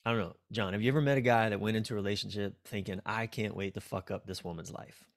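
An American relationship coach in his forties appears as a guest on a podcast over a video call, speaking from a small, dim indoor room. He's frank, casual and reflective, prone to swearing, and his candid talk comes fast in a lowish, fairly even voice.

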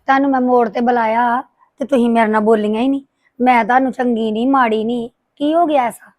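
A woman plays a hurt, indignant seamstress in a family drama. Her voice sits high and she rattles off her grievances quickly. The sound is close and dry. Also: steady tone, a little mellow, no room sound, close to an everyday voice. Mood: confronting. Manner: rapid, indignant complaining. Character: aggrieved woman tailor, hurt by gossiping neighbors. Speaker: boutique tailor with young children. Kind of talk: domestic drama acting.

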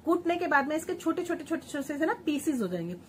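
A woman's voice: sits high, big pitch swings, quick pace, a little hiss or hum. A woman hosting her own home remedy vlog, chatting like an older sister to her viewers and repeating words for emphasis while she grinds and sieves at home. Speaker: home remedy vlogger, channel host. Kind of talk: chatty beauty tips vlog.

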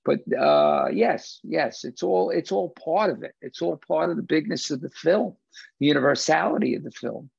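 A gravelly, slightly high male voice with a breathy edge, very animated and at normal speed, comes through with no echo. He's an older man in his 60s or 70s, a lecturer hosting a film discussion on a video call, repeating phrases emphatically. The computer mic sits at desk distance, giving dull lo-fi call audio.

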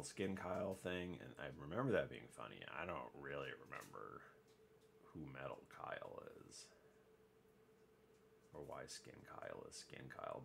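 A man with an extremely low, gravelly voice talks casually while working on a craft project. He rambles, circles back and restarts his sentences often. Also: slight background noise. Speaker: podcast listener and crafter.

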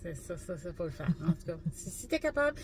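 A woman's voice: fairly low pitch, very animated, a little fast, a little hiss or hum. A woman in her forties with a Québécois French accent, chatting with viewers on a casual travel vlog. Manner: chatty, talks straight to viewers. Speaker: vlog co-host. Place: car interior, then backyard pool outdoors. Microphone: phone camera at arm's length.

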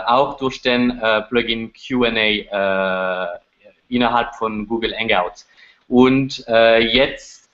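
A man in moderates a webinar haltingly, repeating words as he goes. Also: medium pitch, fairly bright tone. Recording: dull lo-fi online call audio.

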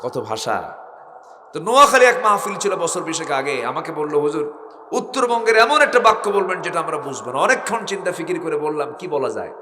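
A man with a North Bengal Bangla accent preaching a waz sermon to a crowd, switching from soft talk to shouted calls and asking the crowd to answer back. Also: on the high side, sing-song, fairly quick, reverberant, a little hiss or hum. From Bogura, Bangladesh.

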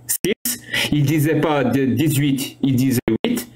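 A man's voice: medium pitch, takes it slowly, darkish tone, poor audio. A middle-aged man hosting a heated live-stream debate, insistent and repetitive as he reads out figures from a text.

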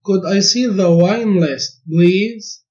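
A man teaching a language lesson, saying each short phrase twice in a clear, deliberate drill. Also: high-pitched, a little mellow. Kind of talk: slow repeated phrase drill. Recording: dull lo-fi recording.

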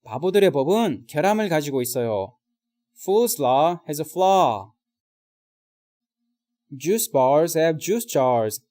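A man teaching vocabulary in a recorded lesson, speaking straight to viewers and drilling slow example sentences. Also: fairly high pitch, animated, warm tone.

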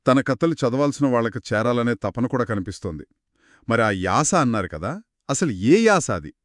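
A man's voice: medium pitch, sing-song, moderate pace, no room sound, clean studio sound. A man co-hosting a book discussion podcast, asking follow-up questions and recapping points. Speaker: podcast co-host.

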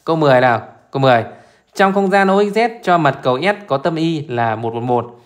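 A man's voice: fairly high pitch, expressive, fairly quick. A man teaching math as he walks through an exam live, chatty and informal, constantly repeating short check-in questions to his listeners. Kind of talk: live exam solution walkthrough.

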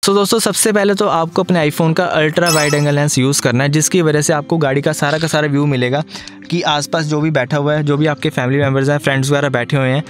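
Young male vlogger, high voice, friendly explainer, phone mic with faint music. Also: fairly even intonation, fast. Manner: chatty, explanatory, addresses viewers as friends. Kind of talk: casual tutorial vlog. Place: inside a moving car, then outdoors by the car. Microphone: phone's built-in mic.

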